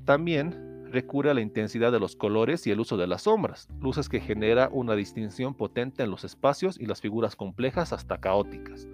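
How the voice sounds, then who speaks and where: Man giving a steady art-history lecture. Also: fairly low pitch. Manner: steady explanatory tone, occasional restarts. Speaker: host. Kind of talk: educational lecture.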